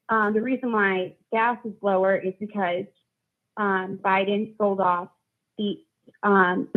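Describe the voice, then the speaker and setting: A woman calling in to a live stream for a casual political discussion, rambling and searching for words, on narrow call audio. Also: mid-range voice.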